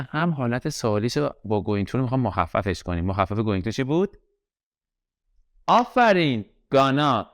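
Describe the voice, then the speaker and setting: Speaking at a medium pitch, a Persian-accented man teaches English grammar in a recorded lesson, slowing to spell out example sentences and repeating key words as drills. The audio is studio quality with no echo.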